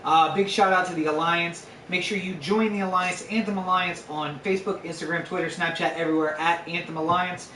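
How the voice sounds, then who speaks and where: A man's voice: a little high, steady tone, a little fast, few pauses, sharp tone. Chatty male podcast host, roomy sound. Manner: chatty, playfully argumentative. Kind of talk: casual podcast chat. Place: home room. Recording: roomy sound, distant mic, faint noise.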